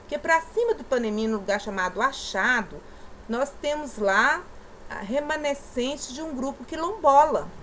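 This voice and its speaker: A woman from southeastern Brazil teaches a primary class in a recorded lesson. Her voice sits a little high, and she coaxes patiently and punches out syllables as she speaks. A faint hiss of background noise runs underneath. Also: animated, normal speed, fairly bright tone, low-quality recording. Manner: patient, coaxing, stresses syllables aloud.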